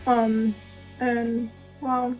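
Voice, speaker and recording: Young female vlogger, chatty and giggly, higher voice, talks while eating, light music underneath. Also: flat delivery, drawn-out words, a little mellow. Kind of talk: casual chat reacting to old video.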